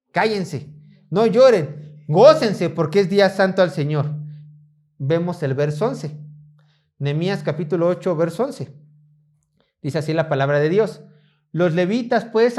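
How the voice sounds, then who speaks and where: A man with a Mexican Spanish accent preaching a sermon in a church, animated, acting out the voices of the people in the story. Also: sits high.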